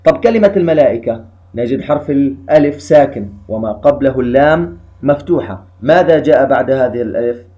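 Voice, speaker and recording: A man teaching a tajweed lesson, calmly explaining rules and slowly drawing out recited examples. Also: medium pitch, muffled recording. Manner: calm explanatory, slow drawn-out recitation of examples.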